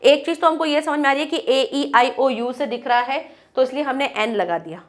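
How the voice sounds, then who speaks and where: High-voiced woman teaching grammar. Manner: explains step by step, sounding out words slowly. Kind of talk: online grammar lesson.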